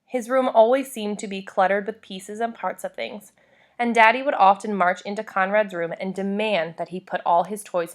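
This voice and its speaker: Casting: female narrator for memoir read-aloud, mid-pitched voice, deliberate phrasing, short measured groups. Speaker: audiobook-style reader of a memoir.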